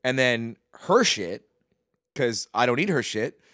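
A man's voice: medium pitch, expressive, unhurried, fairly bright tone. A middle-aged man co-hosting a casual talk show, crude and opinionated, swearing freely. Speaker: podcast co-host. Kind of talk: casual chat.

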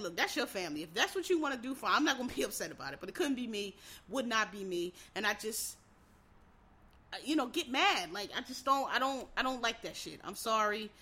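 A fairly high-pitched woman with a bright, forceful edge talks straight to her listeners in a casual monologue. She is blunt, heated and freely profane. She keeps restarting her sentences for emphasis.

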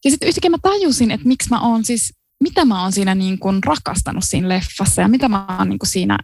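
Creaky-voiced woman, chatty podcast host. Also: medium pitch, a little mellow. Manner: chatty and musing, with many fillers and laughs. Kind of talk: casual chat about books.

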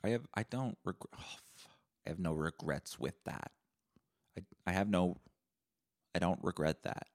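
A man with a low voice hosts a solo podcast. He tells long, rambling stories full of swearing. His delivery stays deadpan. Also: a little slow, long pauses. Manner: rambling, profane, deadpan storytelling. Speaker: podcast host.

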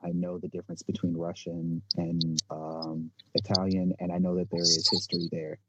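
A man's voice: deep voice, completely flat delivery, moderate pace, very noisy. A man co-hosting a casual chat, playful and chatty. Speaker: podcast co-host. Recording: dull lo-fi sound.

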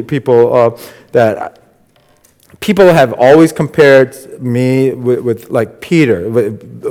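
A man preaching a sermon in a halting, conversational way, with many fillers and restarts, raising his voice when he quotes. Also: medium pitch, a little mellow. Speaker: pastor. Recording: long hall reverb.

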